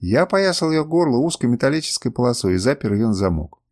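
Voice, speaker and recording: A man narrating a first-person audiobook with expressive storytelling. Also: mid-range voice, fast.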